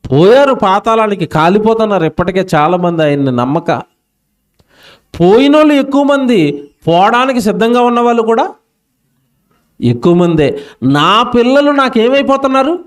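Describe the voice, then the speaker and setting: A man preaching a sermon at an outdoor public meeting, impassioned, often asking the crowd questions and drawing words out slowly. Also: high voice, animated.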